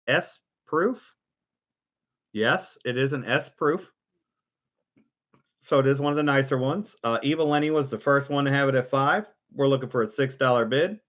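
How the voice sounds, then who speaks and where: A man's voice: mid-range voice, fairly bright tone. Man, mid-range voice, livestream auctioneer, informal chat, rhythmic repeated bid calls, dull lo-fi recording. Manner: repetitive, rhythmic bid calling alternating with informal rambling. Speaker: auctioneer and stream host. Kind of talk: live online coin auction, casual chat with repeated bid-calling chant. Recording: dull, lo-fi microphone sound.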